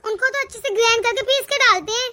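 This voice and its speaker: A woman voicing a patient young working daughter-in-law in a cartoon, who answers back calmly. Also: extremely high pitch, fast, dry recording. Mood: defensive. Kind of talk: cartoon voice acting.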